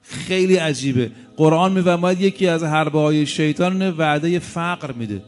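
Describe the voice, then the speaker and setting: A man in his fifties preaching a sermon, telling stories with colloquial asides and rhetorical questions. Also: a little high.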